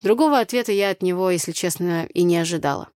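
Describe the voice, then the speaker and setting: A woman narrating an audiobook in the first person with an even, calm delivery. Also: fairly low pitch, quick pace, clear, resonant tone, dry recording, clean studio sound. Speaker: audiobook reader.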